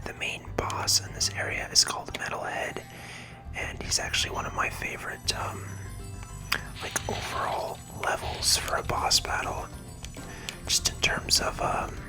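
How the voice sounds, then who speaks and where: In a soft, breathy whisper, a gaming channel host offers ASMR commentary, staying hushed and unhurried while walking through the play.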